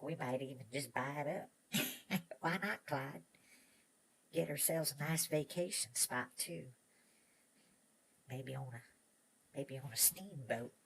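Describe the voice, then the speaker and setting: An actor playing an excitable, chatty old prospector with an American Old West drawl, stammering and rambling in a Western audio drama. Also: male voice, medium pitch, gravelly, breathy edge, full character voice. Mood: merry, dreamy. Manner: rambling, stammering, repeats words, chuckling old prospector talk.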